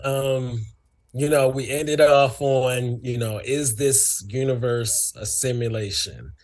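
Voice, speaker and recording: A man co-hosting a casual livestream talk show, musing in a reflective, drawn-out way with many fillers. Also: mid-range voice, fairly even intonation.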